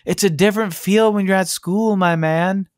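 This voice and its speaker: A young man co-hosting a casual podcast chat, joking and slipping into high mocking voices. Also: fairly even intonation, moderate pace, no echo, clean studio sound. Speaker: podcast co-host.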